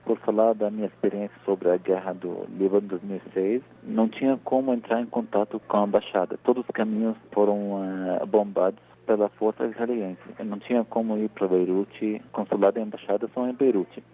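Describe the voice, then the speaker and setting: A man's voice: lowish voice, steady tone, a little fast, few pauses. A man from Brazil calling in from abroad and telling his experience in a plain, matter-of-fact way. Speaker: emigrant caller. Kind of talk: testimony over a phone line. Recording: tinny phone line.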